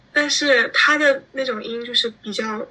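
A teenage girl from China talks as a guest in a casual interview. She is animated and chatty and laughs often as she explains things. Her voice sits fairly high, with a bright, forward edge. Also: moderate pace, rough recording. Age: teens.

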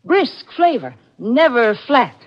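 A woman's voice: on the high side, very animated, slow pace, heavily acted. A woman performing a chipper, wholesome old-time radio advertisement in a polished manner, as the show's spokeswoman. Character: chipper folksy woman pitching summer refreshment. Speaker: commercial spokeswoman on a radio show. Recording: dull vintage radio recording.

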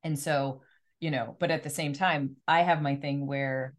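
A woman's voice: extremely low pitch, steady tone, unhurried. A woman talking casually and reflectively, rephrasing her thoughts informally as she goes. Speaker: life coach and energy healer. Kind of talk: casual conversational discussion.

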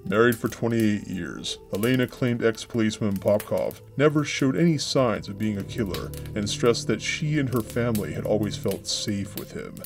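A low-voiced man, a native English speaker, reads a true-crime script as a podcast host. He narrates at a steady, measured pace with a somber delivery while faint music plays behind him.

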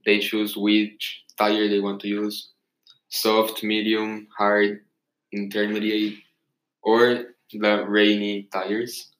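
Young guy explaining slowly, stops and starts, lowish voice, room echo. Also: monotone, a bit bright. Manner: halting, unhurried answers with pauses. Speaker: guest expert. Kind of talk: casual interview. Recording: echoey room.

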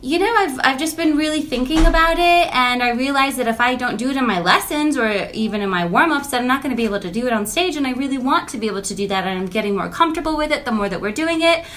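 A woman voicing a quote from her earnest teenage girl voice student, a little higher and quicker than her own talk. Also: lively intonation, a bit bright, a little hiss or hum.

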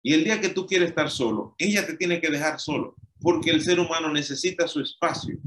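A man's voice: a little high, fairly quick, fairly bright tone. A man preaching an emphatic, repetitive sermon. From Dominican Republic.

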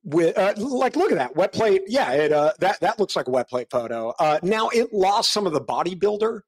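A man's voice: high-pitched, very animated, moderate pace, husky, low-quality recording. A man co-hosting a casual livestream, rambling with restarts and laughing often while demonstrating AI image prompts.

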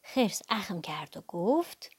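A woman reading a children's audiobook aloud, playful and animated, adding sound effects. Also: mid-range voice, husky, no echo, studio quality. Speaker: storyteller.

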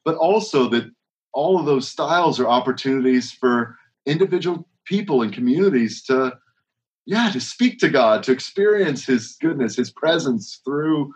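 This worship leader's medium-pitched voice comes through with the highs cut off. Chatting casually in an interview, he rambles, keeps restarting, and strings together rhetorical questions.

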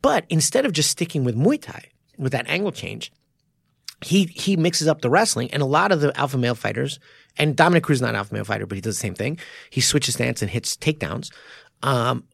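A man's voice: medium pitch, expressive, a little fast, vocal fry, a bit bright, slightly rough, dry recording. A man co-hosting a podcast, casually and enthusiastically explaining fight technique in a studio. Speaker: podcast co-host.

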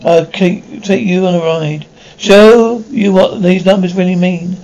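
Man playing period military drama roles: high voice, halting repeated words, muffled lo-fi recording. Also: fairly even intonation, a little mellow. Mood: tense banter.

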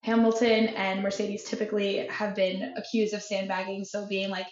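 A playful woman co-host who talks in a loose, chatty way, with a middle-pitched voice. Her mic picks up a fair bit of room echo, and the sound is a little dull and lo-fi. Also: level tone, normal speed, slight background noise. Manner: playful, laughs often, says "like" a lot. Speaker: podcast co-host. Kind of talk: casual chat.

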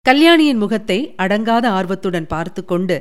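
A woman narrates an audiobook with dramatic, emotive delivery. Her voice is smooth and resonant, at a middle pitch. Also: expressive, moderate pace.

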